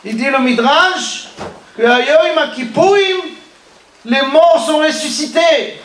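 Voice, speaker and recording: A man giving a religious lesson, questioning and teasing his listeners, rising to calls and dropping to murmurs. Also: slow pace. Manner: animated, questions and teases listeners, swings from loud calls to low murmurs. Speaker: rabbi teaching a class. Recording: echoey room, voice from far off.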